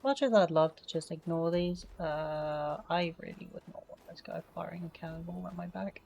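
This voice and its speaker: A woman's voice: on the low side, normal speed, creaky, warm tone, lo-fi sound, a little hiss or hum. A woman streaming gameplay live, making wry, sweary asides to her chat. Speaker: gaming streamer. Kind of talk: casual live gameplay commentary.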